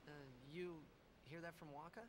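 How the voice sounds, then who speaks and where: A man's voice: a little high, flat delivery, normal speed, close to an everyday voice. An actor voicing a brash young male blitzball player in a video game, casual and puzzled. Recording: game audio with loud noise.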